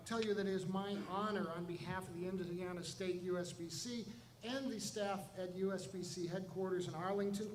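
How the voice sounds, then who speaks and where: A man's voice: high-pitched, a little hiss or hum. A man presenting an award at a ceremony, reading a plaque aloud in a formal manner. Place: banquet hall. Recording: echoey hall, faint ambience.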